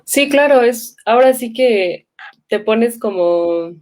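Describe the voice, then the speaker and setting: A woman teacher in a casual conversation, animated and quick to laugh, speaking. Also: fairly high pitch. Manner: animated, laughs often, quotes people.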